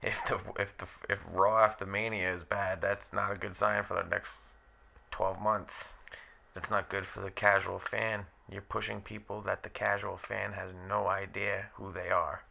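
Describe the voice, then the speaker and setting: A man with a very low, heavily gravelly voice that still has a bright, forceful edge. He rants bluntly about the show on his own vlog and hammers the same points again and again. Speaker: wrestling commentary vlogger. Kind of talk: opinionated solo rant.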